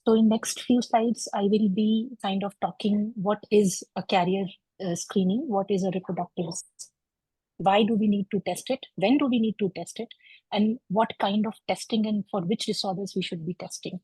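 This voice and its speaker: A woman, a clinical geneticist giving a measured, explanatory medical lecture over a video call. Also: medium pitch, steady tone, warm tone, husky, no room sound, rough recording. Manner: measured, explanatory, with frequent uh fillers. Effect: heard over a video call. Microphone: computer mic on a video call.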